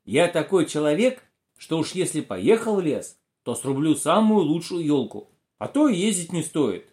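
A man's voice: on the high side, big pitch swings, normal speed, darkish tone, voice pushed up. A man voicing a picky, stubborn young boy in a storybook reading, whiny and argumentative. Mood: fussy. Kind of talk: storybook character voice.

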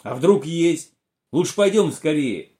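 A man's voice: a little high, lively intonation, unhurried, mellow. A man voicing a picky, stubborn young boy in a storybook reading, whiny and argumentative. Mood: worried. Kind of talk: storybook character voice.

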